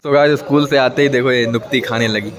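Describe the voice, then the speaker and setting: At home, a young family vlogger chats casually to his phone camera, teasing and frequently calling out to viewers. His mid-range voice holds a steady tone at a slightly fast pace, with a crowd audible behind him.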